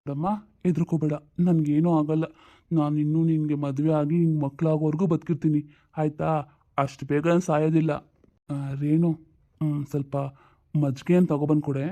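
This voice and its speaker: A woman voicing an ailing old father, weary and longing for his late wife, speaking slowly and pleadingly. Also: deep voice, level tone, dark tone, close to an everyday voice.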